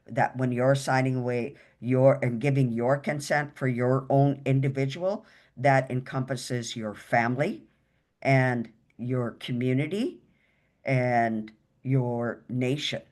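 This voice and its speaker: A woman's voice: very deep voice, darkish tone. Earnest woman panelist on a video call. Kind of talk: webinar panel discussion.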